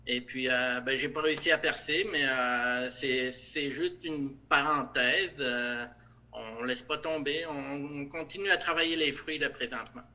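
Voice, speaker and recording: French-born man, middle-aged, bright tense tone, halting casual interview answers. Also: medium pitch, fairly even intonation. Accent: light French accent, partly Québécois. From France. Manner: hesitant, many fillers and restarts. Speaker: interview guest, production director.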